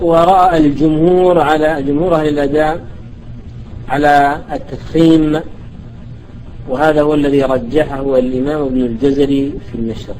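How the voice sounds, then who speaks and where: A man with a slightly raised pitch gives a classroom lesson on recitation. He draws out example words one by one, then speeds through the explanation, pausing to check that his students follow. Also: a little mellow, poor audio. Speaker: Quran recitation teacher.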